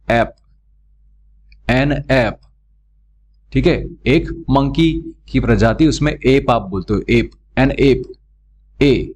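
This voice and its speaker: A male grammar teacher, teaching a lesson slowly, repeating each sound and answering his own questions. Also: mid-range voice, darkish tone, a little hiss or hum. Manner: slow, repeats and drills words and sounds, asks questions and answers them himself. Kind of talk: classroom lesson explaining grammar.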